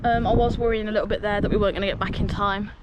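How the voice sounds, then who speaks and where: A British hiking vlogger, out of breath on an outdoor hill path, chats casually to camera in an upbeat way, saying "um" a lot. Her mid-range voice stays steady in tone while she talks rapid-fire, and the recording is very noisy.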